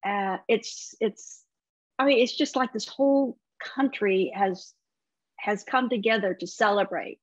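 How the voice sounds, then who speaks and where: A woman entertainment correspondent chatting on a TV segment, talkative and quick to laugh, with many restarts. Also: medium pitch, no room sound, muffled recording. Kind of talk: casual TV segment chat.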